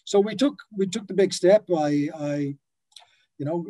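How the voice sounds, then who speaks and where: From an office with a brand banner behind him, a man in his fifties, raised in the Netherlands and founder of a brewery, joins a video call on his laptop webcam. His voice is high-pitched, unhurried, and mellow, and he speaks hesitantly with many fillers and restarts.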